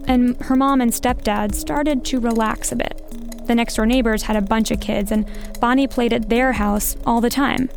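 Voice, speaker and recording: Creaky higher-voiced woman narrator. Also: steady tone, normal speed, faint music behind. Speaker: podcast reporter. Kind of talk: scripted documentary narration.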